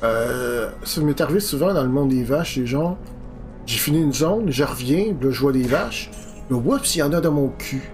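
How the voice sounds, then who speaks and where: A man's voice: medium pitch, animated, normal speed. A man with a Quebec French accent giving casual, rambling, informal commentary as he streams a game. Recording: game music behind the voice. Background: video game music.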